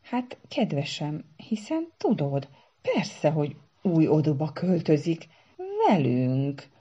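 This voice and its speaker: A nervous young male bird from a storybook, as a woman acts him out, eager to please and quick to stammer. The voice sits a touch higher than a low, husky base, with a warm dark tone. The recording sounds a little dull and lo-fi. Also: sing-song. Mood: puzzled. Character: timid, mother-devoted young male bird groom.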